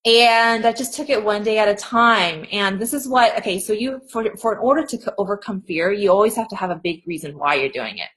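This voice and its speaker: A woman's voice: medium pitch, brisk, few pauses, fairly bright tone, rough recording. A young adult woman speaking as an interview guest, talking in an earnest, motivational way and filling her sentences with "like" and "okay". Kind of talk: casual conversational interview.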